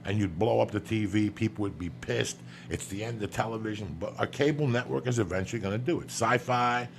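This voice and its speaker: A man's voice: on the low side, brisk, vocal fry, slight background noise. A man in casual podcast chat who cuts in bluntly and swears.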